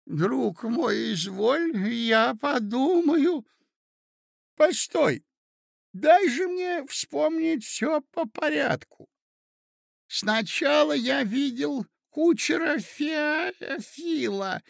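A man's voice: extremely high pitch, expressive, drawn-out words, vocal fry, no room sound, studio quality, voice pushed up, exaggerated voice. A man voicing a frail, muddled elderly prince who speaks in a quavering, plaintive way. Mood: fretful. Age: older.

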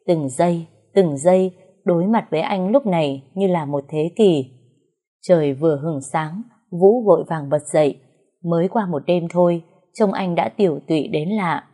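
A woman narrating an emotional family story in a soft, unhurried way. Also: low voice.

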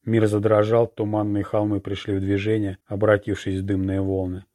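Man, audiobook narrator, steady even reading, dark warm tone. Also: lowish voice, normal speed. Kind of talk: scripted narration.

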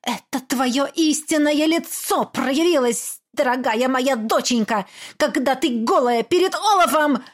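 A woman's voice: high voice, measured pace. A woman voicing a furious middle-aged mother in an audiobook, venomous, sarcastic and accusing. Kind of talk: audiobook character voice.

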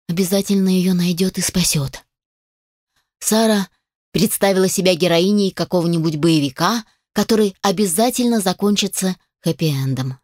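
A woman's voice: medium pitch, a little mellow, dry recording, clean studio sound. Woman narrating an audiobook. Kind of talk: scripted narration.

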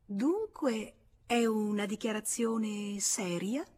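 A woman reading an audiobook, voicing a flustered refined married woman who stammers in a hushed, breathless way. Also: mid-range voice, slow pace, husky.

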